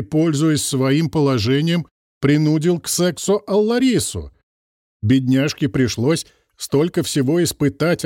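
A woman's voice: low-pitched, warm tone, no echo, clean studio sound, voice pushed up, full character voice. A male narrator voicing an indignant ancient elf ancestress who scolds shrilly and reproachfully.

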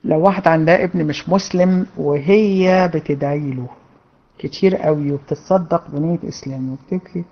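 A woman's voice: low-pitched, fairly quick, highs cut off. Woman teacher, Egyptian Arabic accent, casual Q&A lesson, reads questions then chats through answers. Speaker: religion teacher.

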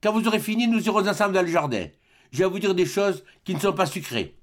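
A man's voice: high-pitched, expressive, quick pace, voice pushed up. A man reading aloud, voicing a miserly old provincial man who is sly and mocking, with a sing-song teasing delivery.

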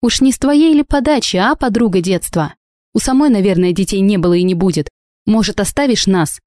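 A woman voicing Alena, a brazen married young woman who speaks with mocking irony, in a warm audiobook reading. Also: medium pitch, fairly quick, dry recording, clean studio sound, pitched above the performer's own voice, lightly acted. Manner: mocking, ironic.

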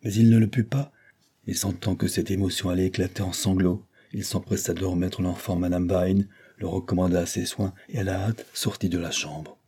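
A man reading a classic novel aloud in a steady, measured narration. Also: low-pitched, slightly rough. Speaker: audiobook narrator.

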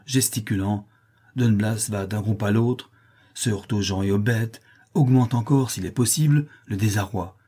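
A man's voice: lowish voice, dark tone, breathy edge. A man reading a novel aloud as an audiobook, in a dramatic storytelling delivery. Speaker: audiobook reader. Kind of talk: scripted narration.

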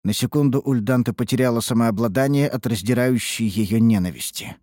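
A man reading a fantasy audiobook in steady, scripted narration. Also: mid-range voice, fairly quick, no echo, studio quality.

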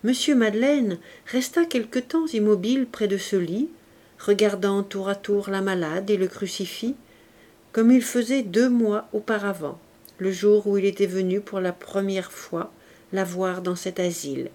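A woman reading a classic novel aloud as an audiobook, in a calm, careful way. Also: medium pitch, unhurried. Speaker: audiobook reader. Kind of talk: literary audiobook narration.

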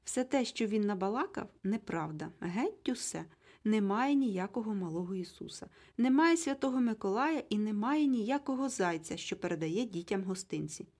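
A woman reading the part of an irritable, sharp-tongued mother who speaks curtly and snaps, in a husky voice. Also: mid-range voice, animated, normal speed. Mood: irritated. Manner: curt, snapping.

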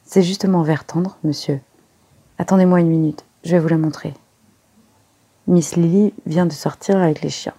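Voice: mid-range voice, fairly even intonation, moderate pace, long pauses, warm tone, slightly rough. A reader voicing a chatty, gossipy young maid who talks eagerly and giggles.

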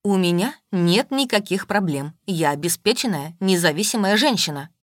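A woman voicing a capricious, quick-tempered wealthy woman in an audiobook. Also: expressive, no room sound, clean studio sound, lightly acted. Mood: indignant. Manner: capricious and shrill.

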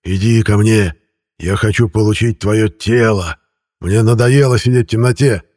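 A man voicing a croaking old ghost. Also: on the low side, darkish tone, no echo, clean studio sound, natural voice. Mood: hungry whisper. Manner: croaking, spiteful, drawn-out menace. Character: gloating old undead male treasure-guardian ghost.

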